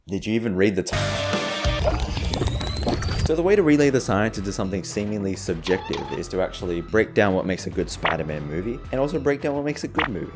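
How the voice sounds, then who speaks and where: A man narrating a comedic video essay in a sarcastic, profane, mock-scientific manner. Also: fairly low pitch.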